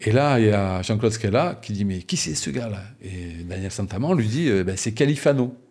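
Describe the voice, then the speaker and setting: Low-voiced man telling rugby stories. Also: fairly quick, breathy edge. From Toulon, southern France. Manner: lively anecdotes, acts out voices of others. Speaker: interview guest, former rugby prop. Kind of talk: casual storytelling interview.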